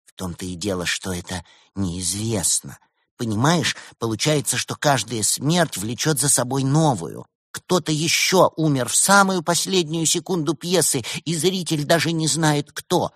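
A man's voice: mid-range voice, expressive, a little slow, fairly bright tone, slightly rough, dry recording, clean studio sound, pitched above the performer's own voice. A man voicing a self-important, earnest young playwright.

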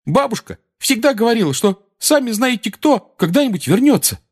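Man doing a timid earnest schoolboy, shrill falsetto, very high. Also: sing-song, normal speed, slightly rough, full character voice.

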